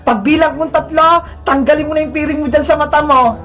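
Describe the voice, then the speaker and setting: A woman voicing a middle-aged mother in a comedy skit, fast and loud, scolding one moment and loving the next. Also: high voice. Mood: affectionate. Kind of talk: comedy skit role-play. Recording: echoey room with music behind.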